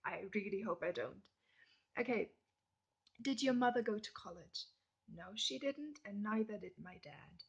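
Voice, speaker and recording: A young adult vlogger from Germany, speaking with a German accent, chats casually through a list of questions in a Q&A tag video, often slipping into soft whispered asides. Her voice is fairly high-pitched and husky.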